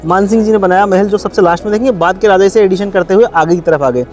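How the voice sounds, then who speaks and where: A man's voice: high-pitched, fast, over music. A man working as a tour guide, explaining things to visitors outdoors in a chatty, lecturing way. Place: outdoors at a historic palace.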